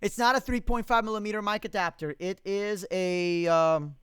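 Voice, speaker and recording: A man's voice: high-pitched, normal speed, fairly bright tone, smooth, dry recording, studio quality. A young man hosting a casual live Q&A stream, reading out viewer comments and answering them bluntly, with plenty of swearing and strong opinions. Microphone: studio condenser mic.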